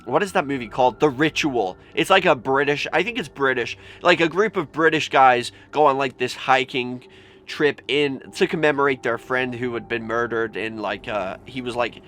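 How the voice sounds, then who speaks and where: Casual spoken horror storytelling comes from a man with a mid-range, fairly bright voice at normal speed. He's informal, drops in mild swear words and says "like" often, vlog-style. Ambient background noise is clearly audible.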